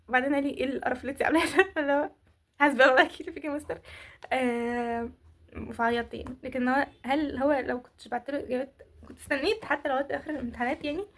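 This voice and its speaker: A teenage girl with an Egyptian Arabic accent chatting casually to her viewers, rambling candidly through a personal story with lots of restarts and fillers. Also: high voice. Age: teens. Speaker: vlogger. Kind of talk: casual chat to camera.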